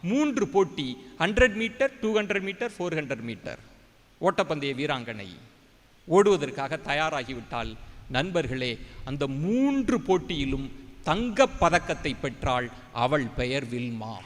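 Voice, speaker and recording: A middle-aged man speaks at a college event, telling a story with dramatic flair. His voice sits a little high and swings widely as he acts out the scenes. The sound rings out through a large hall with a long reverb. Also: big pitch swings, measured pace. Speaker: guest speaker at a college day. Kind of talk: motivational storytelling speech.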